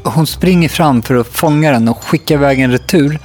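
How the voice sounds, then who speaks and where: A man reading a children's book aloud in a calm, even storytelling manner. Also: fairly high pitch, faint music behind. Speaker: audiobook narrator.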